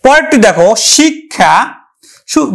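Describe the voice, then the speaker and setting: A woman teacher giving a pronunciation lesson, explaining step by step, repeating each word slowly and speaking straight to her students. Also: sits high, very animated, gravelly. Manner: addresses the class directly.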